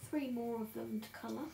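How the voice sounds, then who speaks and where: A woman's voice: on the high side, creaky. A woman in her thirties chatting casually and giggling as she colours during a livestream and greets viewers by name. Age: 30s. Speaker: livestream host colouring on camera. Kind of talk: casual chat while colouring. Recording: roomy home room with faint noise.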